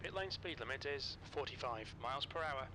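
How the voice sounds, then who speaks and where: A man's voice: medium pitch, animated, fairly quick, background noise. A man acting as race spotter, making terse pit radio calls about fuel, gaps and pit stops.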